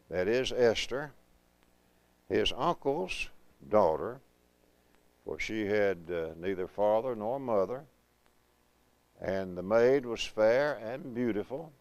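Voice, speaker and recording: A man teaching a Bible class at a preaching school, reading scripture slowly and then explaining it conversationally, asking his students questions. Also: on the low side, a little mellow, dry recording, low-quality recording. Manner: conversational, asks the class questions and answers them; reads verses slowly and deliberately.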